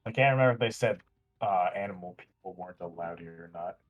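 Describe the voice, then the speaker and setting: Playful low-voiced young man. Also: phone-quality sound. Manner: playful, joking, quick laughs. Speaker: player. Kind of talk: casual chat.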